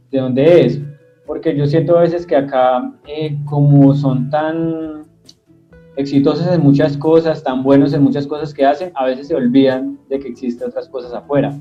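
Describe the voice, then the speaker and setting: Speaking from home in a medium-pitched voice, a young comedian with a Tolima Colombian accent gives a casual interview as a guest. He is reflective and self-deprecating, filling pauses with "eh," and the sound is lo-fi.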